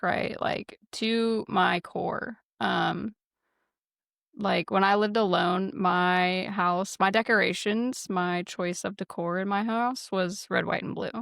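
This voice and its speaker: A woman's voice: mid-range voice, creaky, fairly bright tone, dry recording, studio quality. A woman co-hosting a casual political chat, emphatic and freely profane. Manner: profane, emphatic, repeats words for stress.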